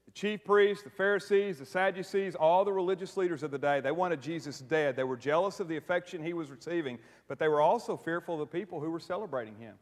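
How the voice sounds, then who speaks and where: A high-pitched man preaches from the pulpit, lively and full of jokes, checking in with his listeners with quick "right?" asides. His voice rings out with a long reverb, as if filling a big church sanctuary. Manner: animated, joking preacher with frequent "right?" asides to the congregation. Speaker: pastor. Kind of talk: sermon. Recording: long reverb of a large hall.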